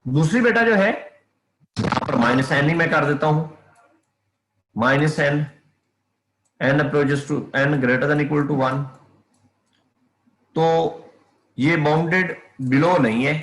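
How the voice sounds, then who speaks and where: Math lecturer, male, coaxing students to respond; slightly high voice, echoey room. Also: slow pace, long pauses, a bit bright. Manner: addresses students as beta, checks if they hear. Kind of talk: online class lecture.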